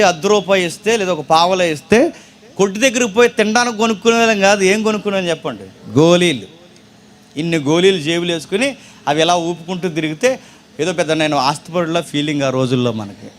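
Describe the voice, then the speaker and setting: Male preacher, high voice, storytelling sermon style with questions to the crowd. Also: a little hiss or hum. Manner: storytelling, asks the audience questions, wide swings in loudness and pace. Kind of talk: sermon to young people.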